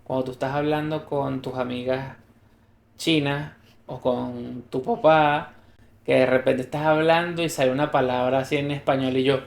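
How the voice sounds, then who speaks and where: Venezuelan man, podcast co-host, animated anecdotes with acted-out quotes, roomy echo. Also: medium pitch, normal speed, vocal fry. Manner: lively storyteller who acts out quoted dialogue. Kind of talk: casual chat.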